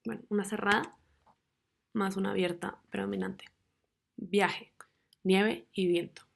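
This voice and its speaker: A young woman, a student presenter, narrating a class presentation and reading out rules and lists of example words in a measured way. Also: mid-range voice, fairly even intonation, vocal fry.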